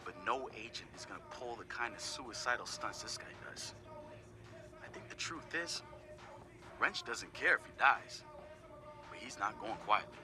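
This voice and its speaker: Playing a laid-back young male hacker in a game audio log, an actor uses a natural, expressive mid-range voice at normal speed with long pauses. He candidly sizes up his teammates in casual talk full of profane, wry asides, with clear music audible behind the voice.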